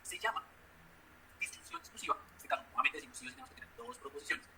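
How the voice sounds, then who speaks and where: A man's voice: on the high side, big pitch swings, rapid-fire, bright, forceful tone, slight background noise, low-quality recording. A man teaching a math class, walking through logic with everyday examples and asking the class questions. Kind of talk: classroom lecture.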